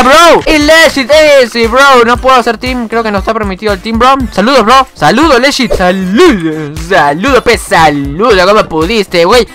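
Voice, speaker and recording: A young man giving casual, slangy and profane gameplay commentary, excitable and full of jokes. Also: very high voice. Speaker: gaming YouTuber. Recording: background music under the voice.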